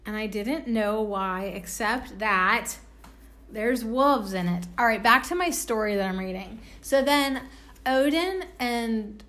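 Young woman card reader, unhurried, meandering chat full of fillers. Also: fairly high pitch, fairly bright tone. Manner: rambling, loose, full of "like" fillers. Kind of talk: casual spiritual card-reading vlog.

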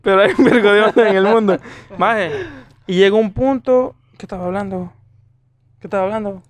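A man's voice: sits high, steady tone, a little fast. A young man, chatting casually with friends and joking with crude slang. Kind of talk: casual chat among friends.

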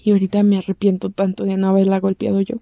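A woman's voice: monotone, rapid-fire, gravelly, dark tone, no room sound, clean studio sound. A young woman with a Mexican accent telling a personal story to the camera, chatty and acting out what people said. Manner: chatty, acts out quoted lines in a squeaky voice. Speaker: vlogger.

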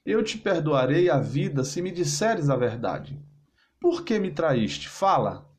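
A man's voice: on the high side, sing-song, slow. A man reading as a betrayed, anguished husband. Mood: bitter. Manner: intense, bitter, pleading. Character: betrayed husband, middle-aged, bitter and anguished.

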